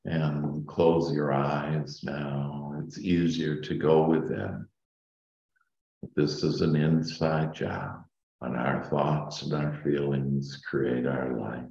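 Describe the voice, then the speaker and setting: A man leading a guided meditation in a calm, slow, meditative tone. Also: extremely low pitch, vocal fry, reverberant, muffled recording.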